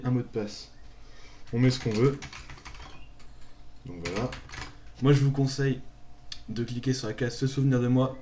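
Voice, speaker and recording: A man narrating a screen-recorded software tutorial, calmly walking through each click step by step. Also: mid-range voice, slight background noise. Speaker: tutorial maker.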